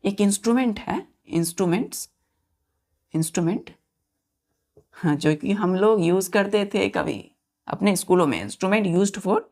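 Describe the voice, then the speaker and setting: Speaking at a middle pitch, a woman teacher runs an exam-prep grammar lesson with an expressive, slightly mellow voice. She spells words one letter at a time, repeats each key term, and fires quick questions at her students, addressing them as children.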